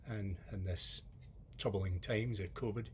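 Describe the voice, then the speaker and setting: Low-voiced man, relaxed and wry, casual greeting. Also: measured pace, noisy background. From Scotland. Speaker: author sending greetings.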